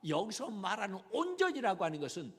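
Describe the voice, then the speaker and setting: A male pastor preaching a sermon dramatically, swinging between loud emphasis and whispers. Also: high voice, wildly swooping pitch, fairly quick, long reverb tail.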